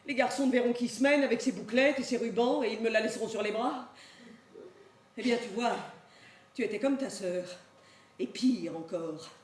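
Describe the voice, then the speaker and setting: An actress playing an old, devoted nurse who scolds and laments on a theater stage, swinging from shouts to murmurs. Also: female voice, fairly high pitch, moderate pace, pauses often, close to an everyday voice. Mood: scolding. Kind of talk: stage acting. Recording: roomy stage with faint noise.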